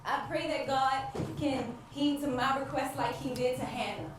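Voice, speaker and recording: An actress with a high, steady voice delivers a pleading stage monologue to the audience as a devout wife, anguished but hopeful, using dramatic pauses and emphasis. The stage play takes place in a large room, and she is recorded from far away in a very echoey hall with faint noise.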